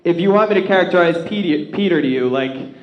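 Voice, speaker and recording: A man doing live stand-up comedy, telling stories and working the crowd in an animated, self-deprecating, profane way. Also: high-pitched, fast, dull audio. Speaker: stand-up comic. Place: indoor comedy club stage before a live audience. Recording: echoey comedy club with audience. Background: audience laughter.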